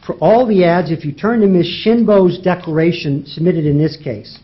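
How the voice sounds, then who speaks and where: A man's voice: high voice, moderate pace. A man arguing as a lawyer before a judge, pressing his points with rhetorical questions and emphatic repetition. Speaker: lawyer arguing in federal court. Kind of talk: courtroom oral argument. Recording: dull lo-fi courtroom audio.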